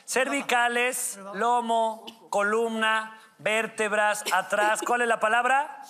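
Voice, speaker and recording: High-voiced teasing man hosting. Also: steady tone, takes it slowly. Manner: teasing, laughing, counting down. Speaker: game show host. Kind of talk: playful game show hosting. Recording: loud music and audience.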